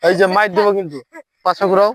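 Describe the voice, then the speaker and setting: A man's voice: high-pitched, fairly even intonation, very fast, dry recording. A man playing a strict dance teacher in a comedy skit, bossy and scolding, who chants the dance counts. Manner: scolding, bossy, threatens punishment.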